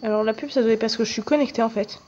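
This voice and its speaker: A young woman talks through her gameplay in a loose, chatty way, poking fun at herself and cursing casually when the game acts up. Her voice sits a little high. The recording is somewhat dull and lo-fi. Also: racing, darkish tone. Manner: chatty, self-mocking, swears casually at the game. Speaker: gaming video creator. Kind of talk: casual let's-play commentary. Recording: dull, slightly lo-fi audio.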